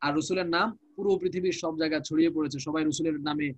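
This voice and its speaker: A man with a Bangladeshi Bengali accent teaching a live online Quranic Arabic class, explaining slowly and repeating each word with its translation. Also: on the high side, steady tone, no echo.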